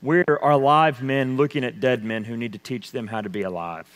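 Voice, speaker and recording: A man preaching a sermon, swinging between loud emphasis and hushed intensity. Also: mid-range voice, fairly even intonation, normal speed. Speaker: pastor. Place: church sanctuary. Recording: long church reverb.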